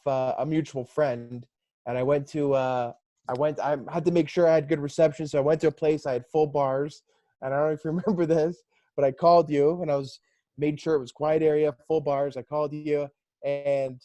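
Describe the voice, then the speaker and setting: A man's voice: fairly high pitch, fairly even intonation, moderate pace, mellow, no echo. A young man hosting, chatting casually and cheerfully, laughing often. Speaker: host. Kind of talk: casual video call chat.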